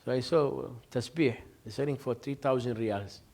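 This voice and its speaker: A man's voice: medium pitch, normal speed, creaky, a little mellow. A man, a sheikh giving an informal religious lesson, telling stories, joking and laughing, and acting out dialogue. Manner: conversational, jokes and laughs, acts out dialogue.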